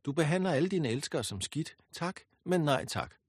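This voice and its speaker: A man voicing a furious, vengeful goddess who speaks in a shrill, commanding, scornful way. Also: expressive, slightly rough, dry recording, studio quality. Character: furious vengeful goddess, woman, proud and spiteful.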